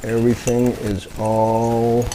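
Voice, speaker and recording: A man hosting a cooking video, talking through a recipe in his kitchen in a halting, meandering way. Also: mid-range voice, completely flat delivery, background noise. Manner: halting, meandering, searches for words. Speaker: cooking show host demonstrating recipes. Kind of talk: unscripted cooking demonstration. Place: home kitchen indoors.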